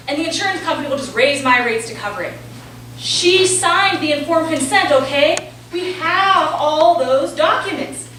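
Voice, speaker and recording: A woman's voice: high voice, sharp tone. A woman playing a brash, evasive oncologist in a staged play, with an emphatic, theatrical delivery. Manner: theatrical, emphatic, switching to stiff medical jargon. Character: brash, foul-mouthed woman oncologist, evasive and clinical with patients. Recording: very echoey room, distant mic, faint noise.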